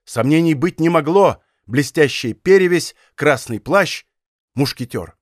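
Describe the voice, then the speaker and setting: A male narrator reads an adventure novel in a measured, dramatic way, building the tension of a chase. His voice sits a little high for a man. It is recorded close and dry in a studio, with no room sound. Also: lively intonation, dry recording. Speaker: audiobook narrator. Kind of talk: scripted narration.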